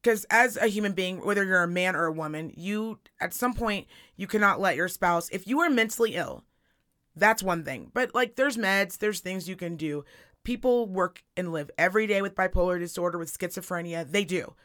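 A woman co-hosting a casual podcast, her voice hoarse, raspy and strained as if nearly gone, talking bluntly with plenty of slang. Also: lowish voice, moderate pace, a bit bright. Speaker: podcast co-host. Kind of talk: casual chat. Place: studio.

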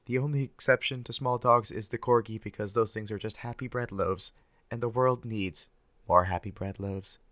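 An older man hosting an ASMR podcast, speaking softly and whispering close into the ear in a wry, deadpan ramble. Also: fairly low pitch, moderate pace, no echo. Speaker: podcast host. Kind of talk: soft ASMR podcast monologue.

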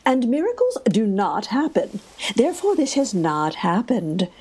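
A man's voice: sits high, huge pitch swings, unhurried, darkish tone, slightly rough, pitched above the performer's own voice, full character voice. A man voicing a prim queen who murmurs to herself that she is dreaming. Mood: dazed prim. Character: dazed stubborn queen in denial.

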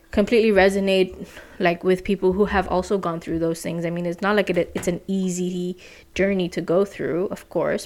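A woman's voice: on the low side, a little mellow. Breathless pregnant woman chatting casually. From Saint Martin, Caribbean. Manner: chatty, many fillers like "like" and "you know". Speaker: podcast host. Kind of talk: casual personal update.

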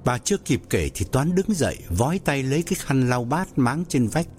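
Man narrating a ghost story, very animated. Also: medium pitch, moderate pace, a little hiss or hum.

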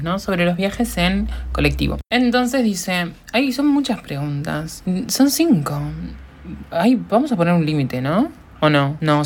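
A woman with a Uruguayan accent hosting a solo podcast, rambling and joking, answering her own questions and laughing often. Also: on the low side. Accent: Uruguayan Spanish. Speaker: podcast host. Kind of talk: casual solo podcast chat.

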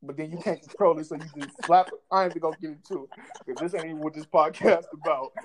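A young man co-hosting a casual podcast over a phone call, pushy and repeating himself, sometimes breaking into yelling. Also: fairly high pitch, fairly even intonation, fast talker, crowd noise. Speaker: podcast co-host. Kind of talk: casual argumentative chat.

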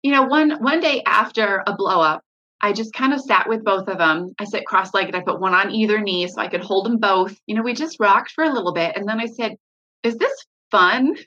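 Bright, husky-voiced mother talking candidly. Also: mid-range voice, a little fast, muffled recording. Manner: candid, frequent fillers and restarts. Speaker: parent guest sharing her story. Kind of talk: candid conversational interview.

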